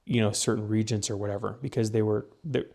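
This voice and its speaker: A man's voice: lowish voice, fairly even intonation, fast, creaky, mellow. A young man co-hosting a casual podcast, explaining research in a rambling way, with lots of fillers and restarts. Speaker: podcast co-host presenting research. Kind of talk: casual chat.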